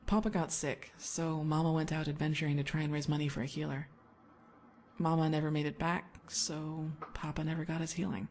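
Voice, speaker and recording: Woman doing a young mage, calm, pretty low voice, bit of hiss. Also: fairly quick. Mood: wistful. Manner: calm, reflective. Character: young female mage, wistful and earnest. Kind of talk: game voice acting.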